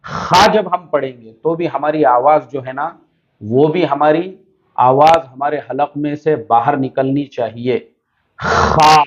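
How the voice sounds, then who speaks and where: A man's voice: a little high, highs cut off. A man from India teaching a beginner's lesson on reading Arabic letters, drawing out each sound and explaining patiently. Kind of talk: Urdu Arabic-alphabet lesson.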